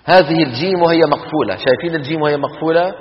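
Man, Quran recitation teacher, patient drilling lecture, somewhat high pitch, long hall reverb. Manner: explains slowly, drills students to repeat sounds. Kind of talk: classroom lecture on tajweed. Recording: dull lecture hall recording.

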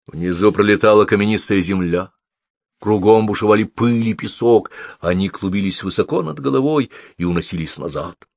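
A man reading a novel aloud as audiobook narrator, with steady, measured storytelling. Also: fairly low pitch, vocal fry, no room sound, studio quality. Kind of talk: scripted narration.

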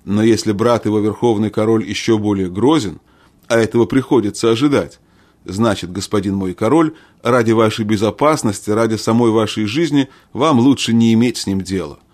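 A wary court lord, voiced by a man reading a storybook, pitched a little above the narrator. he speaks formally and deferentially to his king. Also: fairly quick, a little mellow, lightly acted. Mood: cautious. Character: wary courtly male lord, cautious adviser.

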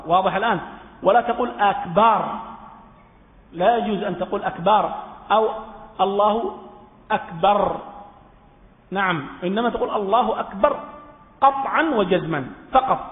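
A man from Yemen giving a religious law lesson. He asks questions and answers them himself, and repeats his key points. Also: sits high. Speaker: religious teacher. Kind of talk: Islamic jurisprudence lesson. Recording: echoey hall over a phone-like line.

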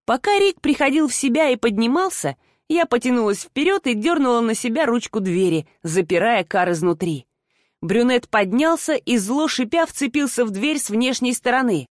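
A woman reading a first-person novel aloud, steady and even, as an audiobook narrator. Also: a little high, normal speed, no room sound, studio quality.

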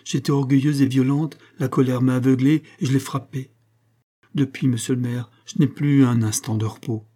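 A man's voice: mid-range voice, fairly even intonation, moderate pace, dark tone, close to an everyday voice. A man reading aloud voices a feverish, dying young country woman who speaks earnestly and breathlessly. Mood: pleading.

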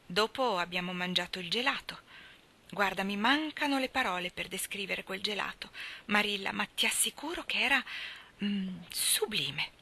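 A woman reading aloud, voicing an excitable, dreamy orphan girl who gushes with breathless enthusiasm. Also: mid-range voice, normal speed. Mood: enthusiastic. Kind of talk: audiobook reading.

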